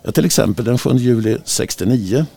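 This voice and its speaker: A man co-hosting a casual radio chat show, speaking in a husky, gravelly voice and telling music trivia as a relaxed storyteller. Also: medium pitch. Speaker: radio co-host.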